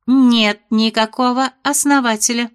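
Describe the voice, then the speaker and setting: Evasive fairy headmistress read by a woman, soothing yet dismissive, slightly high voice, audiobook character. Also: fairly even intonation, a little slow, clear, resonant tone, lightly acted.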